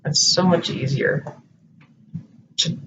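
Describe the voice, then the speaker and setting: A man chatting casually as co-host, rambling and hesitant as he thinks aloud. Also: slow. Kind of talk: casual chat. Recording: distant muffled home recording with light hiss.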